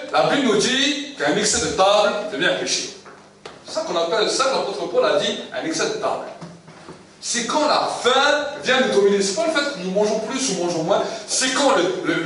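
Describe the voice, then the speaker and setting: A man's voice: high-pitched, fairly bright tone. A man preaching a sermon, telling personal stories with emphatic repetition. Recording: very echoey room, far from the mic, faint noise.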